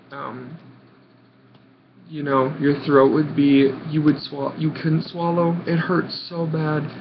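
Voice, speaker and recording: A young American man of about nineteen telling a personal story casually, in short halting phrases with dramatic emphasis. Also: mid-range voice. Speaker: vlogger. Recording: muffled audio with clear background noise.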